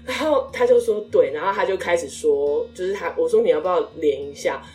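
A woman's voice: on the low side, a little fast, far from the mic. A woman in her thirties tells a personal story in casual conversation, acting out the lines of the people in it. She sits a little away from the microphone. Faint background music plays under her voice. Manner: emotional storytelling, animated quoted speech. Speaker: guest.

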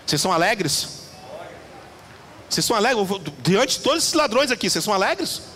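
Male preacher, high bright tone, animated, in an echoing church hall. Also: brisk, a little hiss or hum. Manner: animated, questions the congregation, acts out voices. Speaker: pastor. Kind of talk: lively sermon with audience interaction. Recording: reverberant church hall, faint ambience.

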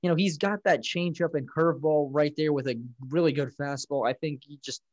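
A man's voice: on the high side, steady tone, a little fast, a little mellow, dry recording, dull audio. A man co-hosting a casual sports chat, recapping plays in a rambling way with lots of fillers. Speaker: podcast co-host.

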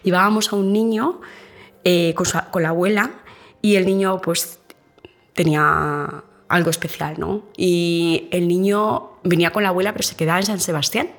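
A woman tour guide in an interview, telling her work stories in a lively way and acting out the dialogue. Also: fairly low pitch, moderate pace. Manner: animated storyteller, acts out dialogue with many restarts.

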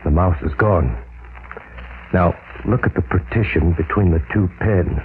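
An actor playing a grim, driven male scientist in an old radio drama, hushed and intense. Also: sits low, a little slow, a little hiss or hum. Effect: old radio broadcast sound. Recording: tinny old radio broadcast.

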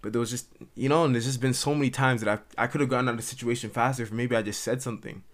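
A man's voice: medium pitch, fairly even intonation, very fast. Earnest young man talking casually. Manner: earnest, rambling, heavy use of "like". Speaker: podcast host. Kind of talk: casual solo monologue. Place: at home in his mother's house, dimming light. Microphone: camera recording.

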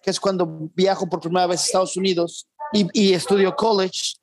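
A man, a guest in an interview, speaking in a reflective, measured way with some restarts. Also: high-pitched, steady tone, background noise. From born in Argentina, raised in Mexico. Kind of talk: conversational interview.

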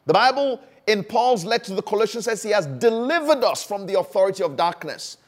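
A man's voice: sits high, expressive, fairly quick. A man preaching a sermon, stressing phrases by repeating them, with frequent fillers and restarts.

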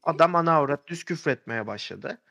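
A man tells a story in a loose, rambling way, filling gaps with "uh" and starting over mid-sentence. His voice sits a little high for a man. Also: expressive, fast, vocal fry, bright, forceful tone. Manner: rambling, many fillers and restarts. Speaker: podcast storyteller. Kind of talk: casual storytelling chat.

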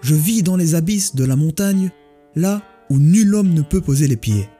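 A man's voice: mid-range voice, animated, normal speed, dark tone, slightly rough, soft background music. A man voicing a young trickster who poses as a mountain goblin, giving haughty commands. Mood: commanding.

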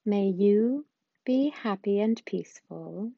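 Slow, soothing woman guiding meditation. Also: mid-range voice, animated, gravelly, no echo, muffled recording. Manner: slow, soft and soothing, with long pauses. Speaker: meditation guide. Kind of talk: guided loving-kindness meditation.

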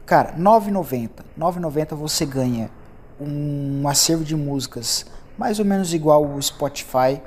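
A man's voice: fairly high pitch, animated, normal speed, a little mellow, a little hiss or hum. A young Brazilian man with a Brazilian accent, hosting a solo podcast and chatting loosely as he drifts from topic to topic. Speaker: podcast host. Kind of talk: casual solo podcast chat.

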